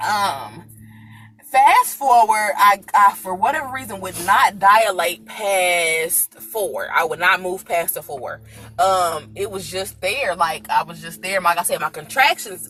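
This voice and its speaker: A young woman telling a story casually to her viewers, animated and laughing, calling them y'all. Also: fairly low pitch. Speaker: channel host telling her birth story.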